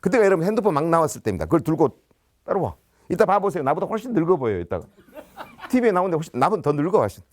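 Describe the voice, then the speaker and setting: A man's voice: fairly high pitch, big pitch swings, racing, a little mellow. A man, a teacher, giving a storytelling lecture and animatedly acting out dialogue. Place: business center lecture.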